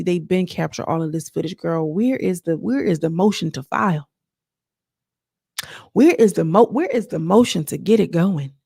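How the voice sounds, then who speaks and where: A woman's voice: lowish voice, gravelly, darkish tone, slightly rough, no echo, studio quality. A woman casually recapping a reality show for her viewers, chatty and gossipy, talking straight to her audience. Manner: chatty, addresses audience as y'all and girl, trailing restarts.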